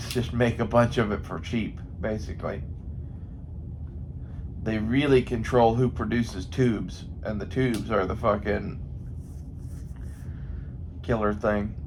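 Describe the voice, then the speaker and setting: A man with a creaky, gravelly American voice at a medium pitch talks off the cuff. He thinks aloud in a loose, profane ramble. Faint noise sits behind the recording. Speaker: gun hobbyist vlogger. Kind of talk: casual rambling monologue. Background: faint ambient noise.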